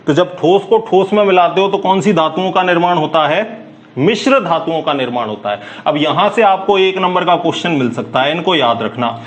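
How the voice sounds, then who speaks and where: A man teaching a chemistry class, firing quick questions at students and answering them himself in a brisk, chatty way. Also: high-pitched, highs cut off. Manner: calls listeners "bhai", brisk and chatty. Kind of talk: classroom lecture.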